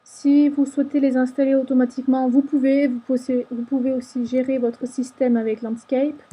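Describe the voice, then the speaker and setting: A woman narrating a screen-recorded software tutorial, explaining each step patiently. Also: high-pitched, level tone, moderate pace, breathy edge. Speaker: tutorial maker.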